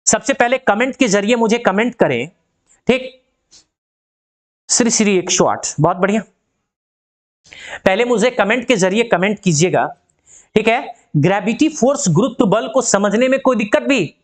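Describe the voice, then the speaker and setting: A woman with a mid-range, animated voice teaches physics in an online lesson at normal speed, leaving long pauses. She asks her class rhetorical questions, keeps checking that they're following, and affectionately calls them by fond names.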